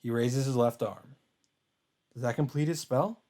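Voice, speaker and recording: Over game music, a let's player narrates a visual novel dramatically, dropping in casual asides now and then. His voice is mellow and medium in pitch, and he reads a little slowly.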